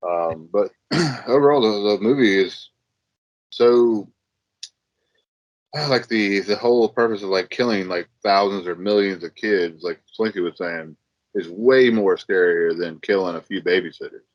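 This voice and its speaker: A man's voice: lowish voice, unhurried, dry recording. A laid-back man co-hosting a podcast, chatting casually about a film with lots of fillers. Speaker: podcast co-host. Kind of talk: casual movie chat. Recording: dull, dry sound.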